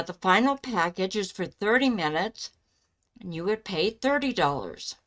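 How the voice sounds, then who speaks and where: Woman, mid-range pitch, slow pace, halting phrases, casual live stream host chat. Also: fairly bright tone. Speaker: live stream host giving psychic love readings.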